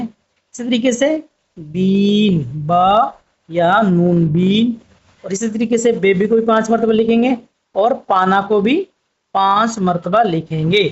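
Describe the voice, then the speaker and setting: A man's voice: high voice, a bit bright, lo-fi sound. A man teaching Urdu script, patiently spelling out letters one by one. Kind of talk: slow spoken writing lesson.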